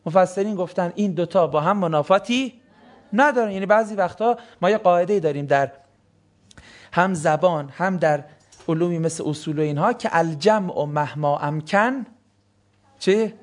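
A man teaching a class on the meaning of sacred words, who keeps asking the students questions and then answering them himself. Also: sits high. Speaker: religious studies teacher. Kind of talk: classroom lecture on Quranic words.

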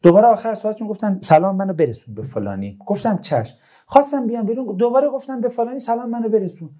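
A man delivers a relaxed religious talk, telling stories and tossing joking asides to the people around him. His pitch swings widely as he speaks. His tone is soft and mellow. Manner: chatty, joking asides to listeners. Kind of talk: informal religious talk with storytelling.

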